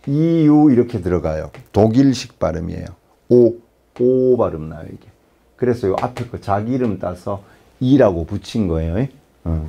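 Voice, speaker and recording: A man's voice: mid-range voice, warm tone. A man teaching a math lesson in a casual, chatty way, often checking with the class. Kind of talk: lecture.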